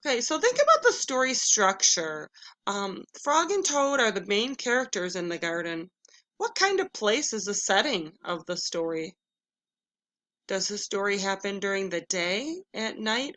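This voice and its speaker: A woman elementary school teacher with a mid-range, sharp-toned voice gives a read-aloud lesson for children. She shifts between narrating the story and giving instructions.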